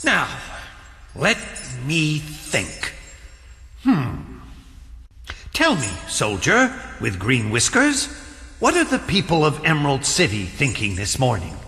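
An eager storybook scarecrow king with a high-set voice that swings freely up and down. He is folksy and excitable, pausing to muse, in a very reverberant hall. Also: full character voice. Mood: pleased, musing. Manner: folksy, excitable, halting musing. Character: cheerful living Scarecrow, newly crowned king, folksy and eager. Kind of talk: theatrical audio drama acting. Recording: long hall reverb, music behind.

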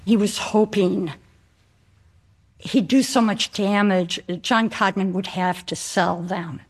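A woman's voice: mid-range voice, fairly even intonation, slow pace, husky. Woman author explaining history. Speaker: author interviewee. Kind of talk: interview remarks.

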